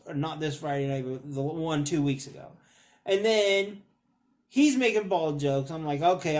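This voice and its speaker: A man who hosts a podcast tells a comic family story in casual chat. He is animated and profane, laughs mid-sentence, and acts out other people's lines. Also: fairly high pitch. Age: adult father. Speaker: podcast host.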